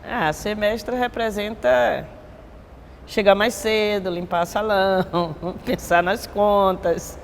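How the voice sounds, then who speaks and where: Recorded in a large room with a little hiss or hum, this capoeira master from Bahia, Brazil, now in her sixties, gives reflective interview testimony. Her mid-range voice is steady and slow, carrying a Bahian Portuguese accent, and she tends to close thoughts with a tag question.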